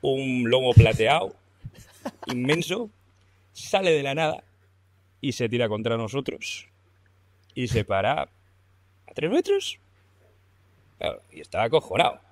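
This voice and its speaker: Telling a story on a podcast, this young guest with a Spain Spanish accent keeps it loose and colloquial, laughing a lot and cursing without restraint. His medium-pitched voice is very animated yet unhurried, with frequent pauses and no echo.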